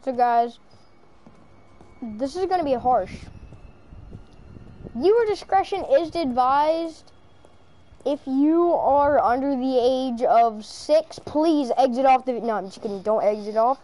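A woman's voice: high voice, takes it slowly, long pauses, dark tone, a little hiss or hum. A young woman streaming a video game with chatty, joking commentary. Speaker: gamer streamer. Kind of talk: casual gameplay commentary.

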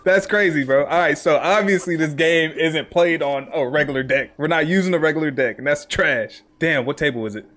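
A man's voice: a little high, brisk, hardly any pauses, a bit bright. A young man in casual gaming banter with friends, talking like a slangy, profane frat bro. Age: young adult. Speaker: game streamer. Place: indoor home gaming room.

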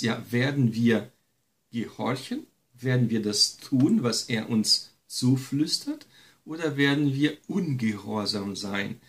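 Man teaching the Bible, emphatic. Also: medium pitch. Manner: emphatic, repeats key phrases, frequent tag "ne".

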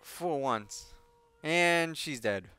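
Bright-voiced man with a Boston accent. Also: a little high, lively intonation, very slow, smooth. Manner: rambling, awkward, hesitant. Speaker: video commentator. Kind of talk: casual reaction commentary.

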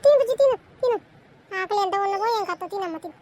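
A woman voices a young cartoon mother who fusses over her child and scolds the neighbors. She talks fast in a very high voice. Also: expressive, a little mellow, a little hiss or hum. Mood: doting. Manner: brisk, scolding and doting. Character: protective young mother, tenant, brisk. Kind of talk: cartoon voice acting.

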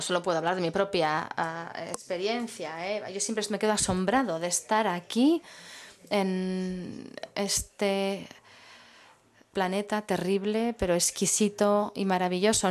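This is a woman doing simultaneous interpretation for a public talk, her voice pitched in the middle range. She keeps her phrases measured and stops now and then to search for a word.

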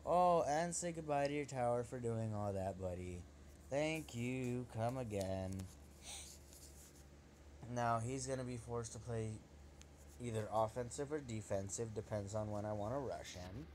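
A young man giving excitable, trash-talking commentary over his own gameplay, swearing at his opponent as he plays. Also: mid-range voice, unhurried, a little hiss or hum. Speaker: gaming channel host.

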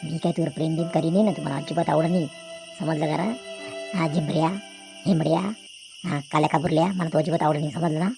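A voice actor doing a sharp-tongued cartoon schoolgirl. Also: medium pitch, fairly even intonation, quick pace, creaky, long pauses, soft background music, natural voice. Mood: scolding. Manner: scolding, lecturing. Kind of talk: cartoon voice acting.

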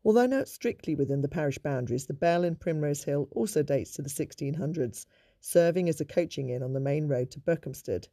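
A man giving a measured, informative narration of local history in a scripted documentary style. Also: fairly high pitch, dark tone, faint music behind.

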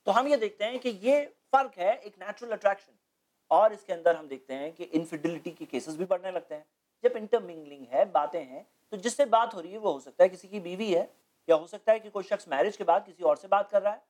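A man's voice: sits high, a little fast, darkish tone. Male guest speaker, studio interview, lecturing and explanatory, fond of rhetorical questions. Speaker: guest speaker on Islamic topics.

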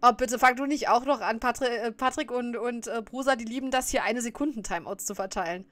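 A woman's voice: a little high, a little fast, a bit bright. A woman streamer chatting casually while reacting to a clip, often laughing and scolding her viewers.

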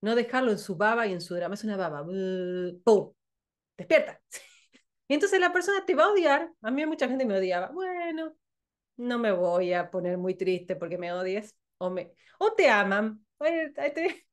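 A woman from Argentina speaks with a Rioplatense Spanish accent and a somewhat high voice. She gives a blunt, provocative motivational talk as a sales coach. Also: animated, normal speed. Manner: blunt, provocative, laughs often.

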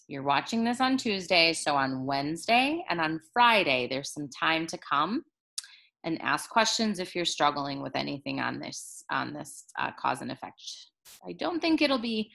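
Chatty teacher woman, low and gravelly. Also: bright, forceful tone. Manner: chatty, rambling, many fillers and restarts. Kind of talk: recorded classroom video lesson. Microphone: handheld recording device, jostled.

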